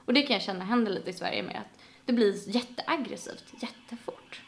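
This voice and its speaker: Animated Swedish woman with gravelly fry. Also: medium pitch. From Sweden. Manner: animated storyteller, acts out quotes. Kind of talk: casual chat.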